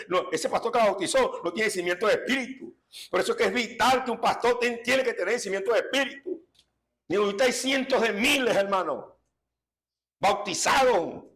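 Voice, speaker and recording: A man's voice: high voice, fairly bright tone. An older man, preaching a sermon as pastor in an emphatic, repetitive way with frequent restarts.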